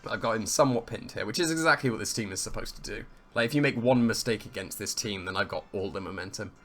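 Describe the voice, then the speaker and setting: Faint music sits behind a man who commentates on his own competitive match, casually thinking aloud, weighing options and amused by his own moves. He talks fast in a fairly low, a bit bright voice that's slightly hoarse and croaky.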